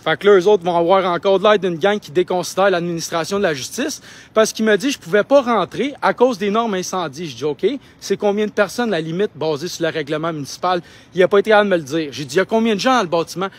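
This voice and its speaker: A young Québécois man with a high-pitched voice argues in an insistent, indignant tone. He speaks into a handheld phone while livestreaming outdoors. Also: quick pace. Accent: Québécois French. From Quebec. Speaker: independent livestreamer. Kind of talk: live street vlog. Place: outdoors outside a building.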